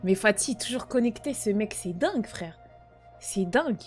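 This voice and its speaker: A woman's voice: mid-range voice, expressive, normal speed, darkish tone, faint music behind. A young woman streaming from home, chatting casually in slangy banter and reading her chat aloud.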